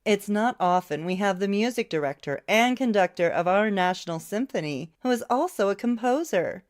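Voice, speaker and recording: A woman's voice: medium pitch, animated, normal speed, natural voice. A woman reading an audiobook, voicing a gushing female talk show host who asks eager questions.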